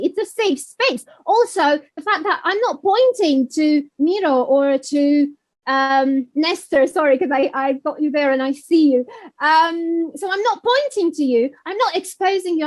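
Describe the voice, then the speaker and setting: A woman's voice: high-pitched, rough recording. A woman presenting an online teacher-training webinar, chatty and addressing attendees directly by name, on a video call mic.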